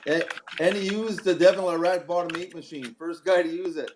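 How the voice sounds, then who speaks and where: A man's voice: high voice, fairly even intonation, a little fast, a little hiss or hum. A man from Canada hosting a casual podcast, rambling with many restarts. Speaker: podcast host and trapper. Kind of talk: casual chat.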